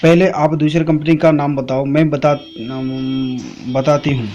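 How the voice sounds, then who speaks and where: A man's voice: on the high side, little pitch movement, measured pace, darkish tone, lo-fi sound. A man talking casually to his viewers as a channel host. He reads out chat messages and rambles, with lots of "aa" fillers and "theek hai" tags.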